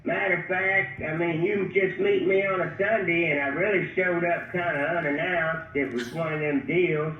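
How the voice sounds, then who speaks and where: A man, talking casually over a phone on speaker, halting with many pauses and restarts. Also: fairly high pitch, fairly even intonation, distant mic, a little hiss or hum. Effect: heard over a phone on speaker. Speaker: customer on a phone call. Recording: tinny speakerphone from across an echoey room.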